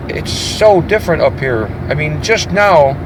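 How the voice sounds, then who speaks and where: A man's voice: a little high, expressive, unhurried. Rambling middle-aged man vlogging from a car. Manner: rambling, jokey, self-interrupting. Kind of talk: casual road-trip monologue. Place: inside a car on the road at night. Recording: car engine and road noise.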